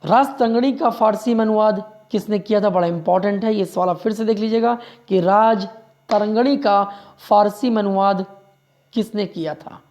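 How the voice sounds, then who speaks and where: A man's voice: high voice, moderate pace, darkish tone. A male history teacher giving an exam-prep lecture. He repeats each fact several times, keeps urging listeners to remember it, and sometimes corrects himself mid-sentence. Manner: drills facts by repeating them.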